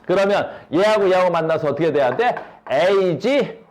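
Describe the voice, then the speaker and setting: Male science teacher, high and animated, questions his class nonstop. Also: normal speed. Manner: asks students constant rhetorical questions. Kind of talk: classroom lecture with questions to students.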